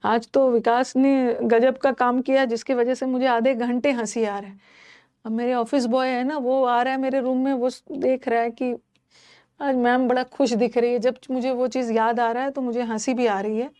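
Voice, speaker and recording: Animated woman teaching English vocabulary. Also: fairly high pitch, normal speed, clean tone. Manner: animated, mixes Hindi and English, repeats words for students. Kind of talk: live online vocabulary class.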